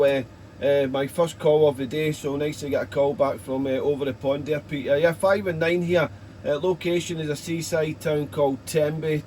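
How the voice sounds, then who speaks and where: A British man with a slightly high voice works as a radio operator on air. He rambles chattily in casual operator jargon, with faint noise behind him. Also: a little mellow.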